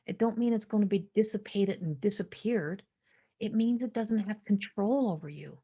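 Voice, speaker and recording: A woman in her forties hosting a podcast, sharing a slow, introspective spiritual monologue that sometimes drops to a hushed whisper. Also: mid-range voice, husky, muffled recording. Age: 40s. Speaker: podcast host.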